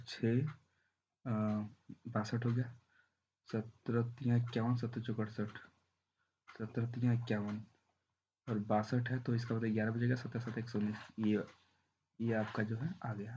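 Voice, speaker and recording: A man's voice: mid-range voice, warm tone, lo-fi sound, a little hiss or hum. A man teaching a math lesson with a sore throat, walking through the arithmetic step by step and checking in often. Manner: walks through arithmetic step by step, often saying "thik hai".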